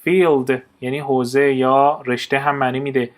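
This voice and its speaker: A man with a Persian accent teaches English vocabulary in a steady drill. He reads each English word and then gives its meaning, in a voice of middle pitch.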